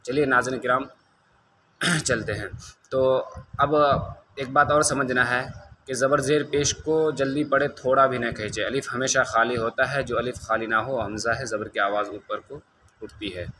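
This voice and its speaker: A man gives a step-by-step lesson in Quran reading. His voice is bright and forward. He poses questions and answers them himself, drawing out each letter sound slowly over a faint background hiss. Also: medium pitch, steady tone. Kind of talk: lesson addressed to viewers.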